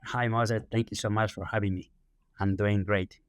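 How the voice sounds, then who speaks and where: A man from Spain with a Spanish accent, a youth soccer director answering interview questions in a measured way with many fillers. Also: on the low side, fairly even intonation, no room sound, studio quality.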